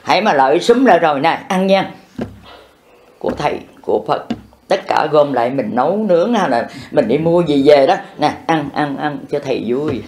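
A man's voice: fairly high pitch, expressive, a little fast, few pauses, darkish tone, slight background noise. An older man giving an improvised Buddhist dharma talk, folksy and scolding, acting out bits of everyday dialogue. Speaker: Buddhist monk teacher.

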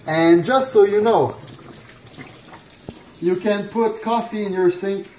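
Recorded at night by a camera sitting at a distance on the counter, this thirty-something man chats through an informal cooking how-to in his home kitchen. His voice sits high with a darkish tone and a slow pace, and he keeps stumbling into fillers and restarts while moving about. The room is echoey, with a faint background hum.

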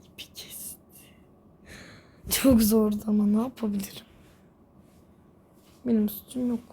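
A woman's voice: mid-range voice, level tone, moderate pace, mellow, husky. A young woman casually commenting while she plays a mobile game, chatty, laughing often and exclaiming when things go wrong. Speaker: gameplay video host.

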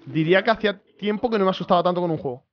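A man's voice: high voice, racing, highs cut off, a little hiss or hum. A young man talks through a horror game for his viewers. He sounds nervous and jumpy, repeating himself over and over when the scares hit. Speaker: gaming streamer. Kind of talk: casual horror gameplay commentary.

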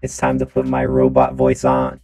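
A man talking through a deep robotic voice changer, goofing around in casual gameplay commentary. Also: completely flat delivery, normal speed, gravelly, a little mellow, soft background music. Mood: playful. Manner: playful, goofy banter. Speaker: gaming video creator.

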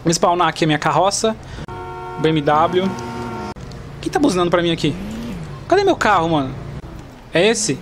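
A man with a Brazilian Portuguese accent giving chatty, excitable gameplay commentary to his viewers. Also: a little high, moderate pace, long pauses, music in the background. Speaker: gaming channel host. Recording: loud car and game sounds behind.

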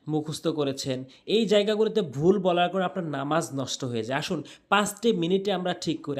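Bangladeshi guy teaching quran pronunciation, kinda high voice, spells out letters slow and chants the words back. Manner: spells letters and vowel marks slowly, then repeats words in drawn-out recitation. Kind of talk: explaining Arabic pronunciation rules.

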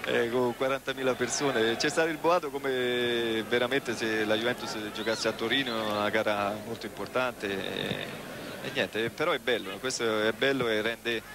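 A man giving live analysis as a football co-commentator, halting and repeating himself. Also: medium pitch, fairly even intonation, crowd noise. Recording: loud stadium noise behind.

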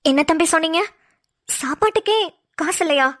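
A woman doing a sweet cartoon mom, gentle and motherly, really high and bright voice. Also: animated, normal speed. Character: kind, tender-hearted middle-aged mother. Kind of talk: homemade cartoon voice acting.

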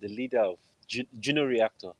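A Nigerian-accented man with a medium-pitched voice talks briskly and casually as an interview guest, a film composer, on a video call from a room at home. He often searches for words and repeats phrases. The low-quality recording, made through wired earphones, has no echo.

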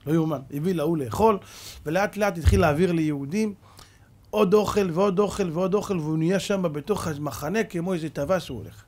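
A man's voice: sits high, a little mellow. A male rabbi preaching a sermon, telling a story dramatically and acting out the people in it.

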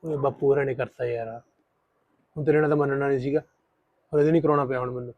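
A man's voice: medium pitch, fairly even intonation, quick pace, no echo, lightly acted. An actor playing a callous young husband who brushes off his first wife and sweet-talks his new one. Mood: offhand. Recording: dry, tinny phone-like sound.

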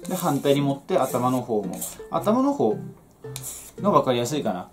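A man's voice: medium pitch, big pitch swings, normal speed. A man, chatting casually and explaining in a folksy way as he works with his hands. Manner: folksy, explanatory, talking while working with hands. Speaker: home vegetable grower and demonstrator. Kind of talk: casual how-to chat while working. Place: small cluttered indoor shed or workroom. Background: plucked guitar music.

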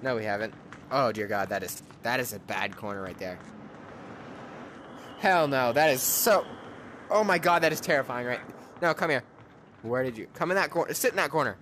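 A young man giving casual commentary while playing a game with a friend, jumpy, swinging from hushed mutters to shrieking laughter. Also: mid-range voice, expressive, normal speed, pauses often, slight background noise.

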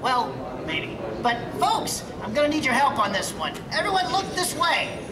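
A woman voicing an encouraging female stage handler who coaxes a nervous robot, with a brisk, motherly manner. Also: sits high, sing-song, recorded from a distance. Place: large exhibit hall, played over speakers. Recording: echoey hall heard from afar with crowd.

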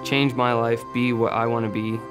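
A man, a student, speaking plainly and in a low-key way in a documentary interview. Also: level tone, moderate pace. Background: music score.

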